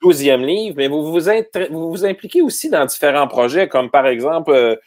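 A man's voice: fairly high pitch, sing-song, normal speed, a little mellow. A man with a Quebec French accent interviewing a guest, asking questions with many hesitant fillers.

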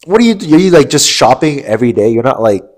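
This young male podcast co-host sounds nasal, his nose stuffed up from allergies, and his voice sits at medium pitch. Very animated and fast, he rambles through the casual chat, laughing often and restarting sentences.

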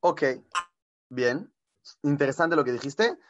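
A man giving an informal spiritual talk as a rabbi, lively and animated, often correcting himself and mixing in Hebrew words. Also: on the high side, slow pace, dry recording, dull audio.

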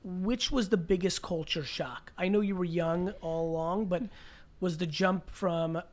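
Energetic man hosting an interview. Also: high-pitched, measured pace. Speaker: interview host. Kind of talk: casual interview chat.

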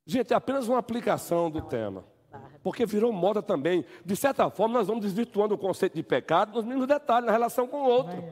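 A man with a Brazilian accent, a pastor teaching a relaxed Sunday-school Bible lesson, joking and acting out everyday scenes. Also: high-pitched, fast talker. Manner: animated, joking, acts out scenes. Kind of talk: informal Bible lesson with acted examples. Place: church hall. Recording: echoey church hall.

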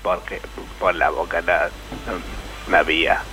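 A man voicing a frail, confused, very old male party member who answers slowly and haltingly. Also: sits low, little pitch movement, bright, forceful tone, a little hiss or hum, low-quality recording. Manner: slow, halting, confused replies.

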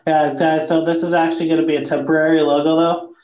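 A man hosting a casual podcast with crude, dark joking, recorded in an untreated room that sounds like the inside of a fishbowl. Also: fairly high pitch, flat delivery, fast, echoey room, lo-fi sound. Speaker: podcast host. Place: echoey room, not soundproofed.

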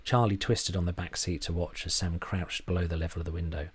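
A man's voice: low-pitched, level tone, a little fast, husky. A man narrating a story in a dry, wry manner.

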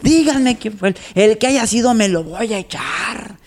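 A man's voice: high voice, lively intonation, normal speed, pitched above the performer's own voice. A man voicing a timid, overly polite young man on a bus. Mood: alarmed. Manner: sweet, pleading, overly polite.

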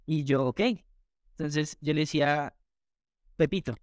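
A man from Colombia, a guest recounting his story in an interview with animated retelling and quoted dialogue. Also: on the high side, unhurried, dry recording, studio quality. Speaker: entrepreneur guest.

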